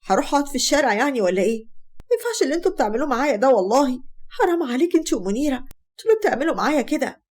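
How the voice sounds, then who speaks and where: A sly younger sister with an Egyptian accent, voiced by a woman narrator in a spoken storybook tale. Her voice is fairly high and quick, and she whines and pleads. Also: expressive, a little mellow. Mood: pleading. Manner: whiny, pleading.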